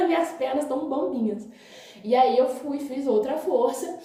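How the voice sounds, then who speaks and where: A woman's voice: high-pitched, unhurried, warm tone, slight background noise. Chatty young Brazilian woman vlogging. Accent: Brazilian Portuguese. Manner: chatty, often says "gente" and "né", laughs along. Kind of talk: casual storytelling to viewers. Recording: very echoey room.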